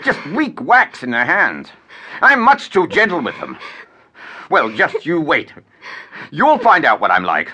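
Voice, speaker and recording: A blustering, irate landowner demanding his money, as a man acts him out, ranting in big theatrical outbursts. His voice leaps wildly up and down and carries a bright, forceful edge. It is a stage-play style performance. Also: medium pitch, huge pitch swings, moderate pace, full character voice. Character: irate middle-aged male landowner creditor, blustering.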